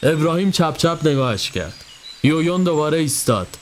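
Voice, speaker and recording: A man giving a scripted narration of a horror story in a steady storytelling voice. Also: a little hiss or hum. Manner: steady storytelling, dropping low for tense moments. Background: faint music.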